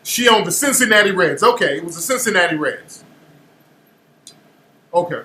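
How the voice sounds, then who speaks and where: A man hosting a show, reacting to a played clip with animated, incredulous commentary. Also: high voice, normal speed, reverberant, slight background noise. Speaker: show host.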